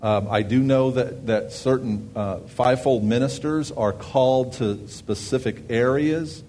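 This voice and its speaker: A man's voice: mid-range voice, measured pace, darkish tone, a little hiss or hum. A man, a pastor, giving announcements and a sermon in a conversational way, thinking aloud with fillers and restarts.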